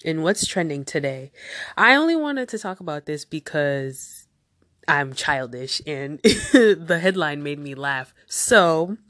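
A woman with a low, fairly bright voice hosts a casual solo podcast, speaking slowly with big pitch swings. She sounds nasal from a cold and rambles chattily into tangents, recorded as clean studio sound with no echo.

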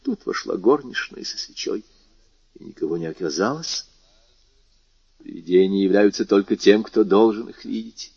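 A man's voice: fairly low pitch, moderate pace, creaky, pauses often, darkish tone, breathy edge, no echo. A man voicing a feverish, proud old woman who speaks urgently and pleads in a raised voice. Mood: haunted. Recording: dull dry lo-fi audiobook.

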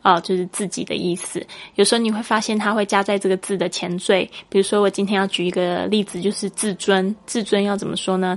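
Woman teaching English patiently. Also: mid-range voice. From Taiwan. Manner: patient and explanatory, spells English words out letter by letter. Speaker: English teacher and podcast host. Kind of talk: podcast English lesson.

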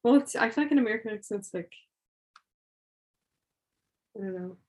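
A woman's voice: medium pitch, animated, normal speed, a little mellow. Rambling young woman, filler-heavy chat. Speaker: podcast co-host. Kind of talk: casual chat.

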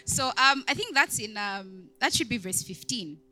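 A woman's voice: on the high side, expressive, normal speed, bright, forceful tone, soft background music. A young woman, a deaconess, giving a conversational sermon, chatty, with many asides and questions put to the congregation. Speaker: deaconess preaching.

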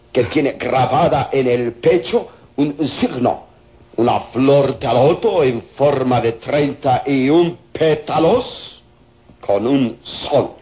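A medium-pitched male actor voices a corpulent, greedy villain hiring killers in a Spanish-language radio serial. He draws out his lines slyly and tauntingly, with menacing chuckles, on a dull, hissy old radio recording.

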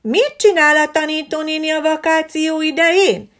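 Playful young horse schoolboy from a storybook, eager and questioning, pitched up, put on by a woman reader. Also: fairly even intonation, fairly bright tone.

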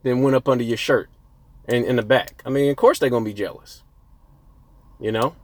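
A man's voice: mid-range voice, a little fast. A young man hosting a casual solo podcast, profane and boastful, rambling and breaking off mid-thought. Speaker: podcast host. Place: outdoors near a street.

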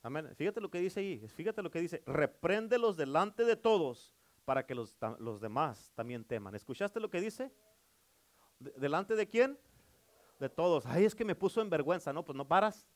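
Emphatic preaching man, higher voice. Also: sing-song, normal speed. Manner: emphatic, repetitive preaching with call-and-response amens. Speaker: pastor. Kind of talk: sermon.

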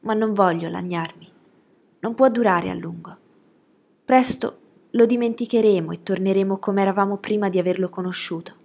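A woman voicing a gentle young woman, a sweet and forgiving elder sister, speaking earnestly in a slightly raised voice. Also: medium pitch, moderate pace, creaky.

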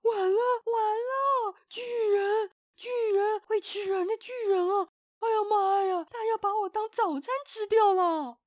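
Lady doing a squeaky scaredy little storybook guy, high shrill panicky voice, stutters. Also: steady tone, measured pace, darkish tone, no room sound, studio quality. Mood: panicked shrieking. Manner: shrieking, stammering, panicky. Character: tiny jumpy male Mr. Men character, terrified of everything. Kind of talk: storybook reading.

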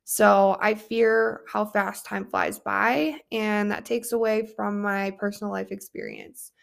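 Reflective woman with vocal fry. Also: medium pitch, steady tone, takes it slowly. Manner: earnest, reflective, repeats words while thinking aloud. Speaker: podcast host and coach. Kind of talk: personal storytelling podcast.

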